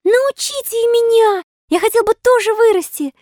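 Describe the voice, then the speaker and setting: Storybook puppet boy, mischievous and eager, shrill childlike exclamations, put on by a woman reader. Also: normal speed, darkish tone, no room sound, clean studio sound. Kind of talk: audiobook character voice.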